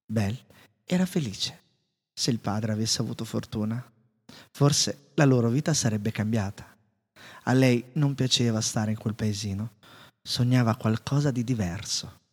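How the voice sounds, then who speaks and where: A man narrating a storybook in a calm, measured way. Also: lowish voice, husky. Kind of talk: storybook reading. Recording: reverberant room.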